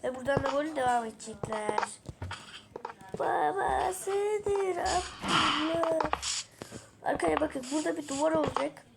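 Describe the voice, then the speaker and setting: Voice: high voice, steady tone, very fast, vocal fry. Çok gürültülü kayıtta tiz, çatlak sesli Türk oyuncu. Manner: chatty, with repeated short interjections and exclamations. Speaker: video creator addressing viewers. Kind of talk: casual gameplay commentary while building in a video game. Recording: very noisy home recording with clicks.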